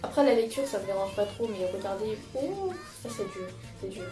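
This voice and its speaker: A woman's voice: medium pitch, lively intonation, fairly quick. A young woman chatting casually about her manga purchases, hesitant and full of fillers and restarts. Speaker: manga vlogger. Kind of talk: casual chat showing purchases. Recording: echoey room with music behind.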